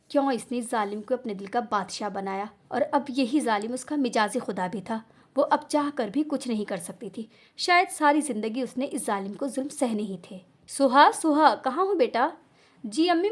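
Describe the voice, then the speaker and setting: A woman with a high voice narrates a dramatic novel, reading with emotive, steady storytelling. The delivery is measured and expressive throughout.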